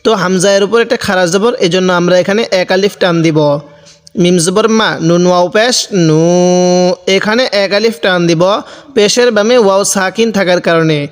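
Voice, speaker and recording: A man teaches Quran recitation in a high, smooth and resonant voice, breaking each word into its letters and vowel marks. He goes step by step and patiently repeats every rule. His voice carries a long hall reverb. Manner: slow, repetitive, patient step-by-step drilling. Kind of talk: spelling-out recitation lesson.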